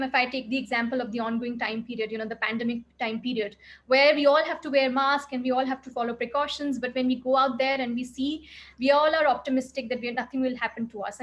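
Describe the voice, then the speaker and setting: A woman's voice: sits high, fairly bright tone. A woman, a clinical psychologist giving an earnest, reflective expert talk with frequent "you know" fillers. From India.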